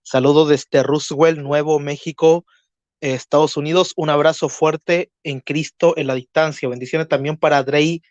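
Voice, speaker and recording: A man's voice: on the high side, steady tone, no room sound, dull audio. Chilean man moderating a debate. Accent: Chilean Spanish. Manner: measured, courteous, hesitant with frequent fillers. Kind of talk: live-stream debate moderation.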